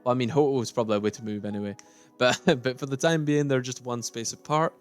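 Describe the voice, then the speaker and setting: A man's voice: medium pitch, quick pace, soft background music. A man giving casual, opinionated tier-list commentary, thinking aloud as he sorts. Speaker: gaming YouTuber.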